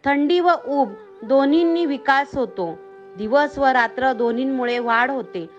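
A woman narrating a story in a steady, measured reading manner. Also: sits high, highs cut off, faint music behind.

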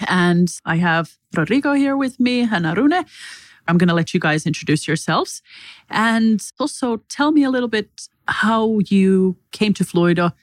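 A woman's voice: mid-range voice, lively intonation, normal speed, no room sound. A woman hosting a company podcast and introducing her guests in a friendly, upbeat way. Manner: friendly, upbeat, many short affirmations. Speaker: podcast host, head of people and culture.

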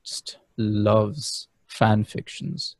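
A young man hosting a casual chat for his channel, relaxed and prone to repeating words. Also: lowish voice, very slow, creaky, no room sound. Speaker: host, YouTuber.

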